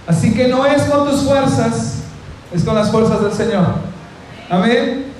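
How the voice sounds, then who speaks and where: A man's voice: very high voice, unhurried, a little mellow, a little hiss or hum. A male pastor preaching a fervent sermon, often calling out amen and asking the congregation to speak to the person beside them. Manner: addresses the audience directly and asks them to repeat phrases. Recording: very echoey room with faint ambience.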